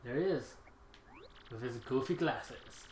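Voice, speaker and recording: A man's voice: medium pitch, slow pace, a little mellow, reverberant. A man hosting a gaming video with casual commentary as he plays. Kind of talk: casual game commentary with dialogue reading.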